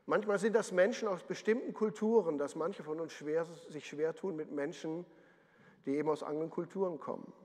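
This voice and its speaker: A man's voice: on the high side, a little fast, a little mellow, long reverb tail. A man preaching a sermon as pastor, telling the story vividly and acting out the voices he quotes.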